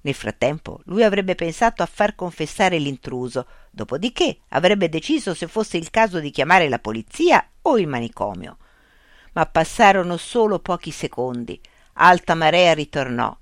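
An audiobook narrator telling a fairy tale with animated, expressive phrasing. The pitch moves widely through each sentence, and the voice sits close in a dry, dead sound. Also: moderate pace, no room sound.

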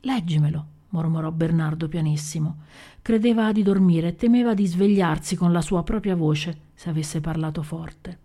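A woman reading literary fiction aloud with a measured, dramatic delivery. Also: lowish voice, warm tone. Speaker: literary reader.

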